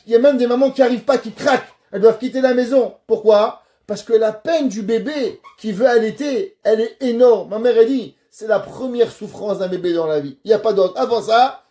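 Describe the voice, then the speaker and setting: Rabbi guy teaching, high pitched but mellow, tells stories and acts out the characters. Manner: animated storyteller who acts out dialogue. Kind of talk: Torah lesson with storytelling.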